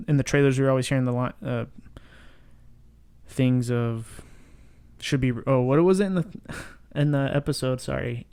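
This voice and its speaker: A man co-hosting a casual fan discussion podcast, enthusiastic and quick to laugh, often trailing off mid-thought. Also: mid-range voice, darkish tone, smooth, dry recording. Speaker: podcast co-host.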